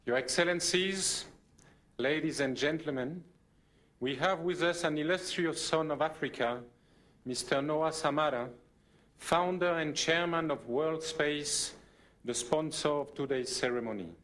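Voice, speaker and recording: A man's voice: a little high, a little slow, fairly bright tone. A man delivering a formal, ceremonious opening address as an official, greeting dignitaries by protocol.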